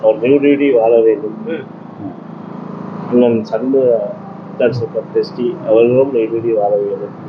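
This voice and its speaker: A temple priest speaks slow, measured greetings from a distance from the mic. The sound is tinny and phone-like, with clear background noise. His voice sits at a middle pitch. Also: steady tone. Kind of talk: formal greeting.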